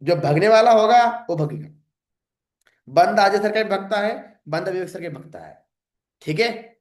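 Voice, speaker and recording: A man's voice: high-pitched, expressive, a little slow, roomy sound. A man mentoring a sales team in an informal coaching talk, direct and lecturing, often acting out sample phone calls.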